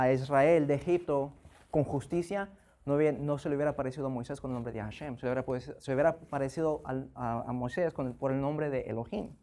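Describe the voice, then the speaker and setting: A man preaching in a mid-pitched voice, stumbling and restarting his phrases, then tagging them with rhetorical questions. When he voices a prayer he leans into it with growing intensity. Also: a little mellow. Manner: halting, many restarts and repeated "¿verdad?"; acts out prayers with rising intensity.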